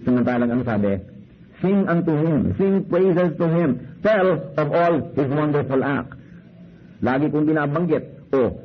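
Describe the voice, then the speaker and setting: A man's voice: a little high, breathy edge, dull audio. A man with a Filipino accent preaching a sermon. He switches between Tagalog and English and acts out short prayers of thanks. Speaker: pastor.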